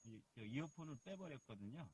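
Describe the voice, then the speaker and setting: A man's voice: mid-range voice, expressive, fairly quick, darkish tone, husky. A man calling in over a bad phone connection, his voice very faint and distant, hesitantly checking whether anyone can hear him. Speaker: caller in a group phone call. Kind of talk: casual conversation. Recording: faint muffled phone line.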